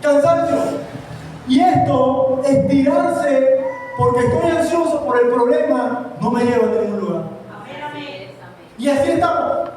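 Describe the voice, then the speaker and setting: A man's voice: extremely high pitch, a little slow, pauses often, a little mellow. A male preacher giving an emphatic sermon to a congregation, asking it many questions. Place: church hall. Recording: echoey church hall, distant mic.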